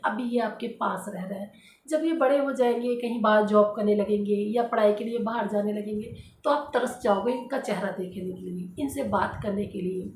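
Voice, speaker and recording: A woman's voice: a little high, darkish tone, slight background noise. Earnest housewife woman in a roomy echo. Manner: earnest, direct, repeats points with many fillers. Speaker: housewife vlogger giving advice. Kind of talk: casual advice talk to viewers.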